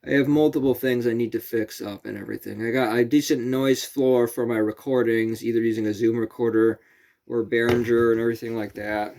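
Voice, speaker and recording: A man's voice: mid-range voice, steady tone, fairly quick, creaky, darkish tone. A man vlogging casually outdoors at night near a camper, rambling and correcting himself as he goes.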